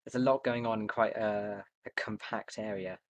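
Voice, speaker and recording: A man's voice: fairly low pitch, steady tone, normal speed, a little hiss or hum. A young man streaming live, thinking aloud as he builds, hesitant and muttering to himself with many fillers. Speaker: livestreamer.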